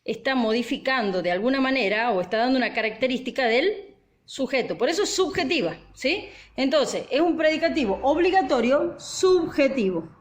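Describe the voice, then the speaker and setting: A woman's voice: high voice, expressive, moderate pace. A woman teacher patiently explaining grammar, often checking that her students follow. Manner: patient, asks frequent check questions. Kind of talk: grammar lesson, explaining at a board.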